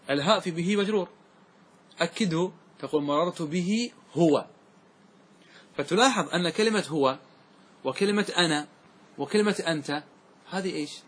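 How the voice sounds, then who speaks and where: A man teaching Arabic grammar to a class, explaining step by step, slowly reciting verse lines and asking quick check questions. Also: fairly high pitch, slightly rough.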